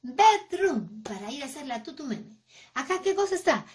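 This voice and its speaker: Young woman teaching little kids english words, high voice, bouncy and slow, really exaggerated. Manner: exaggerated, expressive, acting out emotions for kids. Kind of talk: children's lesson, sing-song teaching.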